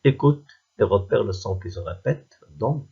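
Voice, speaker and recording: Male teacher, slow and patient, sounds out each word for children, slightly husky. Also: lowish voice, lively intonation, highs cut off. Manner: slow, patient, pronounces words one by one. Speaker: primary school teacher. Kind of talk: reading lesson for young pupils.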